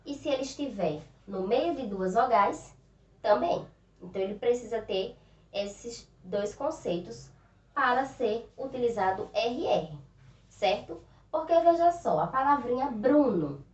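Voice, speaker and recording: A Brazilian woman teaching young schoolchildren, speaking slowly and patiently with a Northeastern Brazilian accent and stretching out words and sounds. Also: fairly high pitch, expressive. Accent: Northeastern Brazilian Portuguese. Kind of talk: recorded remote lesson for young children. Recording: roomy, distant, dull lo-fi sound.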